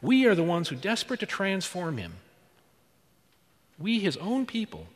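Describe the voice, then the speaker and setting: A man preaching in a church, working through rhetorical questions and repeated phrases. His somewhat high voice rises and falls widely. The sound rings with the long reverb of a large hall. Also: wildly swooping pitch, normal speed. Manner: dramatic, rhetorical questions and repetition. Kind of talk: sermon.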